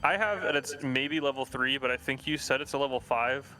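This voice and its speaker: A man's voice: medium pitch, a little fast, bright, forceful tone. A man playing a tabletop game, declaring his turn in a matter-of-fact way. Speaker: player.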